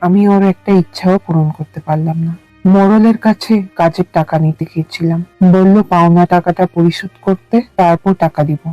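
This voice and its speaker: A man's voice: high-pitched, steady tone, a little fast, no echo, dull audio, faint music behind, lightly acted. An actor voicing a poor, worried village father in a cartoon, talking earnestly and wearily. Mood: weary.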